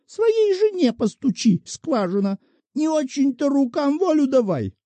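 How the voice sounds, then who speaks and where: Squeaky whiny old lady, a guy doing falsetto, lively swooping voice. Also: unhurried, dry recording, exaggerated voice. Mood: offended. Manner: shrill, wheedling, squealing falsetto. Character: shrill whining old woman petitioner.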